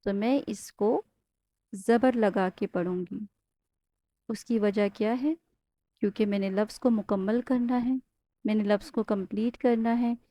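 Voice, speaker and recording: A woman from Pakistan, teaching Quran recitation step by step. She explains patiently, often checks in with the learner, and slowly chants Arabic words as models. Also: medium pitch, dark tone, no echo. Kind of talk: step-by-step Tajweed lesson.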